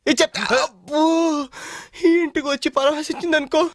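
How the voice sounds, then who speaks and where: A man's voice: very high voice, fairly even intonation, normal speed, no room sound, studio quality. An actor playing an embarrassed young man in hospital, sheepishly pleading with his friends in a comic film scene. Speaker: injured son.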